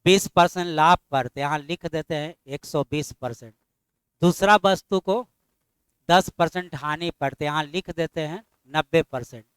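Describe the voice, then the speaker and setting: A middle-aged man teaching a math class, firing constant questions at his students and scolding them mildly when they are slow. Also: a little high, fairly bright tone, smooth, dry recording.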